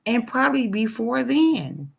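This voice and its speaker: Gravelly woman in her 40s, slow and emphatic, keeps repeating herself to her viewers on a live chat. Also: fairly high pitch, very animated. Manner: emphatic and repetitive, addressing viewers directly. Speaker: livestream host. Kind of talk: casual live chat to supporters.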